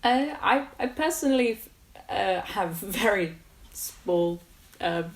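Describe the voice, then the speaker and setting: A woman, a drama student, chatting as a podcast guest in a lively way, laughing and searching for words. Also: medium pitch, slow pace. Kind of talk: casual conversation.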